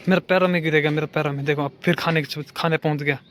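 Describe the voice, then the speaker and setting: A young man talking to his viewers in a comic, deadpan village vlog while doing chores at home. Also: on the high side, fast talker, a little hiss or hum. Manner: deadpan joking, addresses viewers as friends. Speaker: vlogger. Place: village home, outdoors while washing clothes.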